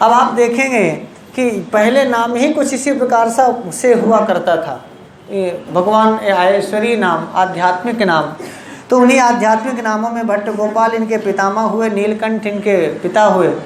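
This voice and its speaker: A woman giving an unhurried, explanatory lecture as a literature teacher, repeating key terms and asking rhetorical questions. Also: fairly high pitch, a little hiss or hum. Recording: echoey room with faint ambience.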